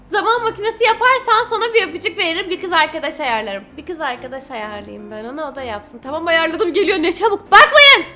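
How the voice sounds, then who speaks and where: A young woman giving excitable, casual commentary while playing a game, reading the choices aloud and talking to her viewers. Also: sits high. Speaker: gaming YouTuber.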